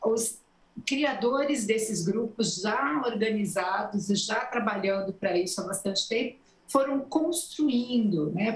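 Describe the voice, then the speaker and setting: A woman with a Brazilian accent from the São Paulo interior explains election strategy at an even pace, with frequent "né" tags. Her medium-pitched voice has a noticeable room echo from a TV studio. She answers in a calm, explanatory way. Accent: São Paulo interior Brazilian Portuguese. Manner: explanatory, steady, many "né" tags. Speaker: journalist and election marketing consultant.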